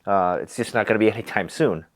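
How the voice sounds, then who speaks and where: A pipe-smoking video host chats casually in a fast, lowish voice that sounds stuffy and nasal. He rambles in an easygoing way, full of fillers and restarts.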